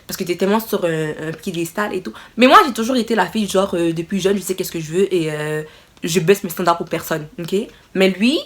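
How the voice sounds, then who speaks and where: A young woman telling a casual storytime to her viewers, expressive and exclaiming as she retells the scene. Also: lowish voice. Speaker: vlogger.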